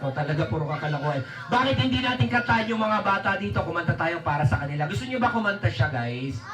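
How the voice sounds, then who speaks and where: A man's voice: sits high, animated, fast, far from the mic. A man performing as a children's entertainer, teasing and coaxing his puppet partner in a playful stage show. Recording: roomy, off-mic, music playing behind. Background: music.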